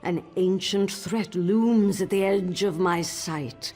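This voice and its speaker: Husky, imperious old sorceress. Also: female voice, lowish voice, dark tone, soft background music. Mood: haughty. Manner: haughty, measured, formal, commanding. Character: imperious, haughty old female wizard master. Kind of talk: fantasy game dramatic acting.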